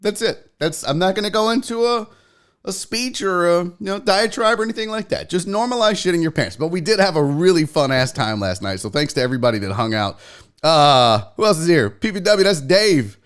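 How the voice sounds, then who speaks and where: A man's voice: high-pitched, animated, brisk, clear, resonant tone. A man hosting a casual livestream, greeting viewers in slangy, buddy-like terms with blunt, profane, joking talk. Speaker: livestream host.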